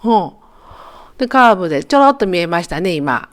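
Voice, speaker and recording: A woman's voice: lowish voice, very animated, a little fast. Chatty Kansai woman in her sixties. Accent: Kansai Japanese. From Japan. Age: 60s. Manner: chatty, joking, talks to viewers like friends. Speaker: travel vlogger. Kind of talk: casual voice-over narration.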